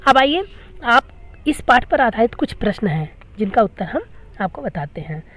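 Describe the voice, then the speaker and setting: Higher-voiced woman teaching grammar patiently. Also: big pitch swings, moderate pace, fairly bright tone. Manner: patient, repeats each question and answer. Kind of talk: classroom grammar lesson.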